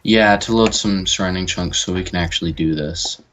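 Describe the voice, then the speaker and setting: Very deep, slow-talking gamer guy. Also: a bit bright. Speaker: game co-host. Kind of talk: casual gameplay chat.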